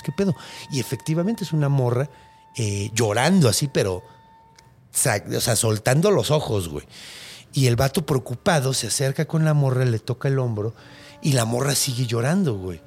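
A man's voice: medium pitch, a little fast, slight background noise. A young man with a Mexican accent, hosting a podcast and telling folk tales in casual, slangy, swear-heavy chat. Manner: slangy, animated, swears a lot. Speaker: podcast host. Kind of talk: casual storytelling.

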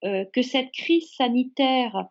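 A woman's voice: high-pitched, animated. A woman giving a thoughtful, hesitant spoken answer in an interview, full of fillers and repeated words as she builds her argument. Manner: hesitant, many fillers and repetitions, measured. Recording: dull lo-fi recording.

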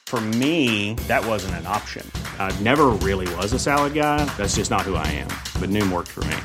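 A man speaks as an everyday customer telling his story in a candid, relaxed way. His voice sits low. Music plays behind him. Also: normal speed. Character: man giving a diet-plan testimonial. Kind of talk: ad testimonial.

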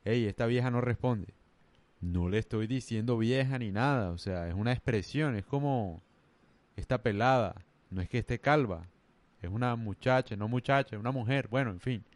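A man's voice: fairly low pitch, moderate pace, dry recording. A man from the Caribbean coast of Colombia with its accent, ranting casually in a rambling, emphatic way full of slang. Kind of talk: casual rant to camera.

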